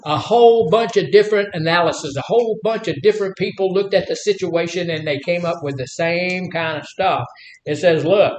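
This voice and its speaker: An older Southern man from Mississippi teaches a group in a folksy, repetitive way, with a fairly high-pitched voice. He speaks in an echoey room with faint noise behind him. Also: fairly quick. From Mississippi, United States. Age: 70s. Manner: folksy, repeats phrases, asks rhetorical questions. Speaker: group leader giving a spirituality talk. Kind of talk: informal teaching talk to a group.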